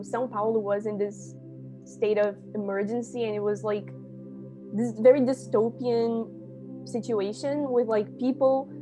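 Young student, talkative and casual, on a video call, slightly high voice, music bed underneath. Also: female voice. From Brazil. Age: young adult. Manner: chatty, leans on "like". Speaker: international student. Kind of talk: casual interview answers.

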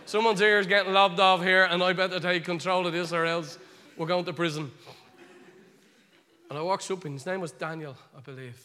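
Dublin fella preaching, tells it like a yarn, high bright voice, big echoey hall. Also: male voice, normal speed, long pauses. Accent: Dublin Irish. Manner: chatty, animated storyteller with asides to the audience. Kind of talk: storytelling sermon. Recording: long reverb of a large hall.

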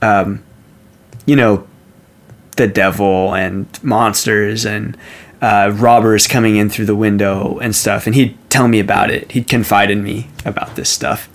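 A man telling a casual funny anecdote in an animated way, laughing as he goes. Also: lowish voice, a little slow. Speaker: storyteller.

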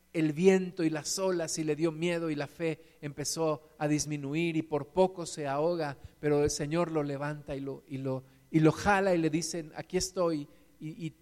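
Man, preacher, high voice, long reverb, earnest sermon. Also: darkish tone. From Mexico. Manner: earnest, repeats words, acts out quotes. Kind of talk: sermon with Bible reading.

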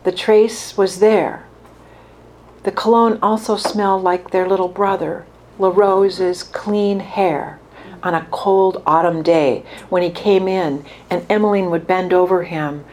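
A woman reading a story aloud in a calm, even storytelling manner, as the author of the book. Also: lowish voice, slow.

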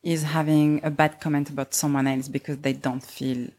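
A woman's voice: deep voice, little pitch movement, normal speed, a little mellow. A woman hosting a casual interview, listening attentively and agreeing. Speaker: podcast host.

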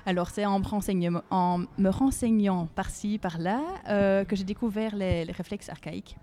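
A woman, a speech therapist explaining her work in a podcast interview, calm and hesitant with many fillers. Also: mid-range voice, normal speed, faint music behind.

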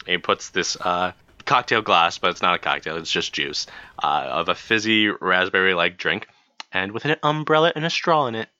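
A man's voice: sits low, expressive, moderate pace, bright, forceful tone, no room sound, lo-fi sound. A man narrating as game master of a tabletop game, casual with many fillers. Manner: casual, filler-heavy, laughing.

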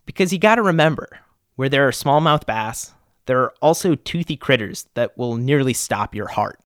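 A male podcast host giving scripted voice-over narration in a smooth storyteller manner. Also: medium pitch, normal speed, slight background noise.

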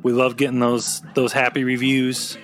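A man's voice: medium pitch, completely flat delivery, normal speed, faint music behind. A man chatting casually as co-host of a fan podcast.

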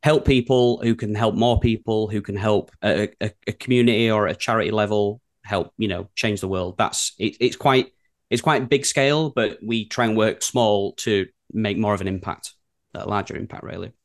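A man's voice: fairly low pitch, moderate pace. A man with a broad Yorkshire accent from northern England, chatting casually as an interview guest. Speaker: guest, creative director and studio co-founder.

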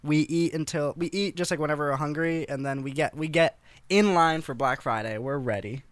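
Young man chatting casually, slightly high voice. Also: brisk, dry recording. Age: young adult. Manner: slangy, frequent swearing. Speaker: podcast co-host. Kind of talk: casual chat.

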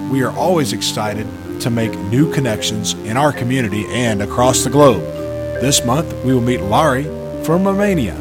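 A man hosting a school podcast, introducing segments and guests in an upbeat, friendly way. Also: medium pitch. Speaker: podcast host. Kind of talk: podcast narration and interview hosting.

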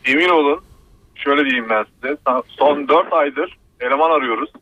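A man's voice: medium pitch, normal speed, slight background noise. A man calling in to a radio show over a landline telephone, speaking emphatically and insistently. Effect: landline telephone line. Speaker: radio call-in caller. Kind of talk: call-in opinion. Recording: dry tinny phone line.

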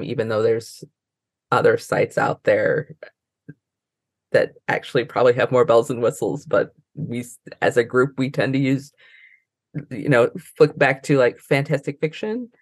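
An American woman, a librarian and trainer, speaks casually as an interview guest, rambling and often trailing off mid-thought. Her voice is extremely low-pitched at a normal speed, captured in a dry, clean studio recording.

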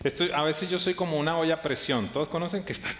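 A man preaching a live sermon as pastor to a congregation, lively, playfully acting out his listeners' voices and joking with them. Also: fairly high pitch, fast. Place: church hall before a congregation. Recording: echoey hall with faint background noise.

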